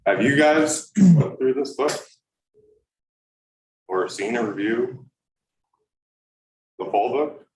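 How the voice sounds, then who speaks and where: A man in his thirties, a parent speaking at public comment, earnest and halting with many fillers, captured as an official meeting-room recording. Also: medium pitch, lively intonation, darkish tone. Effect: official meeting-room recording, like a courtroom tape. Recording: roomy hall recording from far off with faint background noise.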